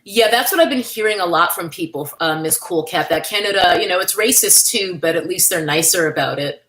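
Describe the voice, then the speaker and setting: Her pitch is on the low side and her delivery brisk, with a fairly bright tone. She's a livestream host from New York, talking openly in a relaxed stream and thanking each viewer by name as she reads what they wrote.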